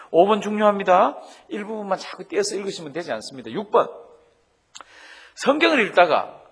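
A middle-aged man preaching a sermon on Bible reading, lively, asking the congregation questions and having them repeat after him. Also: high voice, breathy edge. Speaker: pastor.

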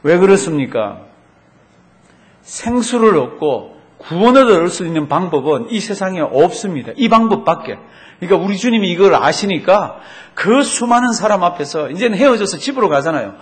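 A man's voice: sits high, big pitch swings, normal speed. A male pastor preaching a sermon to his congregation, asking them rhetorical questions and drawing out the Bible verses he quotes.

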